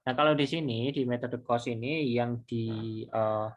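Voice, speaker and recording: A male accounting lecturer with a medium-pitched, steady voice walks through a lesson step by step in an informal recorded tutorial. His delivery is halting and conversational, repeating itself and posing questions he then answers.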